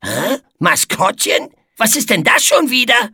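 Storybook: a cranky male bug, voiced by a woman, growls and garbles words, high and breathy. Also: big pitch swings, a little slow, bright, forceful tone, no room sound, clean studio sound, heavily acted. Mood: grumpy. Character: grumpy male bug who twists words.

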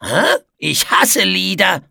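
A woman's voice: lowish voice, lively intonation, takes it slowly, creaky, pushed and bright, dry recording, clean studio sound, pitched above the performer's own voice, heavily acted. A woman voicing a grumpy male bug who growls and garbles his words in a storybook reading.

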